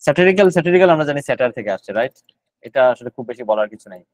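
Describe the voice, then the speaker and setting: Fast-talking male vocabulary tutor. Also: medium pitch, expressive, darkish tone, dry recording, rough recording. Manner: explains words in Bengali, mixing in English terms and filler sounds; repeats each word several times while explaining. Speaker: GRE vocabulary instructor. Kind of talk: live online vocabulary class.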